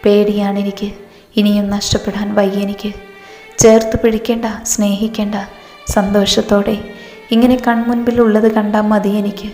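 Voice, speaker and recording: A tearful young woman with a strained, pleading way of speaking, afraid of loss, read by a woman storyteller. The voice stays level and flat, heard in a reverberant room over faint music. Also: medium pitch, normal speed, lightly acted.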